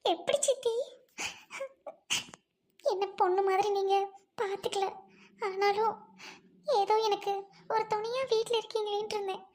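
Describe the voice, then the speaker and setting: A woman's voice: very high-pitched, darkish tone. A woman voicing a heartbroken young wife who pleads through sobs in a melodramatic serial scene. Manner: sobbing, pleading. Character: young wronged wife, heartbroken but resolute.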